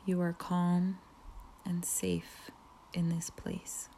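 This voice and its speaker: A woman leading a guided relaxation meditation, speaking softly with frequent whispered phrases and long pauses. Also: on the low side, sing-song, slight background noise. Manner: slow, soft, partly whispered, soothing pauses.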